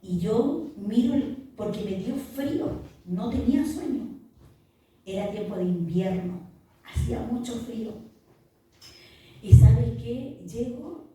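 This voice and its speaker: A woman's voice: fairly high pitch, lively intonation, slow pace, warm tone, slight background noise. A middle-aged woman pastor telling an earnest, vivid testimony in a podcast interview, recorded with the mic far off in an echoey room. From Chile.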